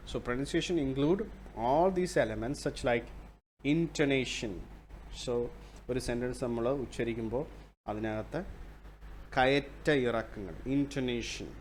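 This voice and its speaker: Man lecturing super slowly, flips into malayalam a lot, faint noise behind. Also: mid-range voice. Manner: slow, deliberate, switches between English and Malayalam; explains through repeated examples. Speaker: university lecturer. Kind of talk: recorded bilingual lecture.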